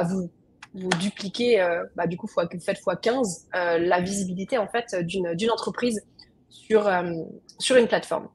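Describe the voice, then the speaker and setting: A young woman presenting a webinar, her voice slightly husky and breathy at a middling pitch. She explains in a relaxed, conversational way and speaks straight to the people watching. It sounds like a computer mic on a video call. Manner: conversational, explanatory, addresses the audience directly.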